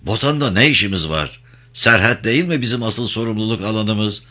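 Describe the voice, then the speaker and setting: A man's voice: lowish voice, fairly quick, sharp tone. A man voicing a worried, wry male deputy fighter voicing his doubts as inner thoughts in an audiobook. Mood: uneasy.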